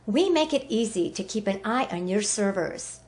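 Woman doing a bubbly app demo, all excited about features, normal pitch. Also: normal speed. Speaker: product presenter. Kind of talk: cheerful scripted product demo.

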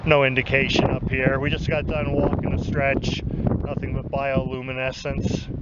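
A man giving easygoing, matter-of-fact narration to camera while hiking a snowy mountain trail at night, with pauses and fillers. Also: medium pitch, completely flat delivery. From United States. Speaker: mineral prospecting vlogger. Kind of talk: casual outdoor narration to camera. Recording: dull lo-fi outdoor camera audio with noise.

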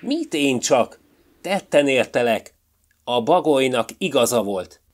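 A man voicing a clever male fox in a storybook tale, speaking up loudly and insistently. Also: medium pitch, slight background noise, natural voice. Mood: accusing. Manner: insistent, raised voice.

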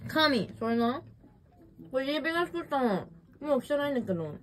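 A woman's voice: high-pitched, sing-song, brisk, slight background noise. A young woman chatting casually on a livestream while eating, rambling and answering viewer comments, recorded on a smartphone at home. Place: messy room at home.

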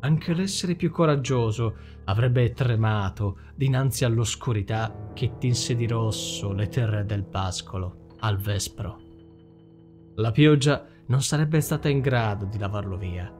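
A man reading a dark novel as an audiobook, slow and dramatic. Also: fairly low pitch. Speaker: audiobook narrator. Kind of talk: scripted narration. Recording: faint background music.

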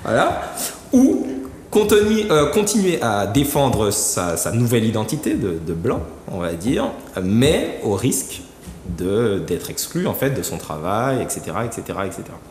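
A man who is a talk show guest, explaining a book while thinking aloud, with frequent fillers and restarts. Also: on the low side. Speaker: studio guest. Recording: roomy studio with long reverb and faint noise.

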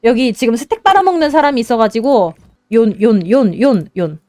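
High-voiced woman cheering on her game. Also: moderate pace, no room sound, studio quality. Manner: animated, cheering herself on, mock-calming herself. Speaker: VTuber game streamer. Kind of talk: excited live game commentary. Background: game music.

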